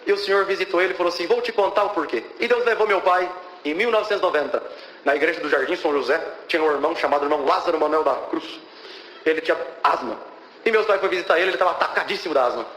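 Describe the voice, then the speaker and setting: A man's voice: on the high side, racing, fairly bright tone, a little hiss or hum. A young Brazilian man giving a fervent testimony at a church service, breaking off often to praise God. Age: young adult. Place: church hall. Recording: echoey church hall with faint ambience.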